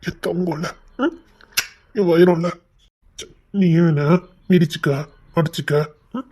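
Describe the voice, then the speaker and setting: A woman acting as a devoted young husband who teases his wife and then pleads his love in a soft voice. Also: lowish voice, steady tone, slow. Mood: tender. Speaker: actor in a romantic couple skit. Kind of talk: acted romantic dialogue.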